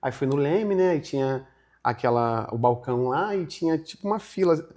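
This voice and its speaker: A man's voice: medium pitch, normal speed. A young man, telling a story in a casual interview and acting out the other people in it. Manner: animated, acts out other people's lines in his retelling. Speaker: guest.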